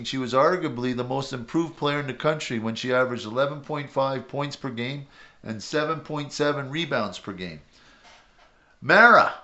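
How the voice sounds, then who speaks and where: A man, a basketball coach, hosting an interview show and introducing his players in a measured way. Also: on the high side, sharp tone, highs cut off.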